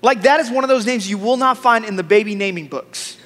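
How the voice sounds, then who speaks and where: High-voiced man preaching, hall reverb. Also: fairly quick, a bit bright. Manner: conversational storytelling with humor and repeated phrases. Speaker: pastor. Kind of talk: sermon.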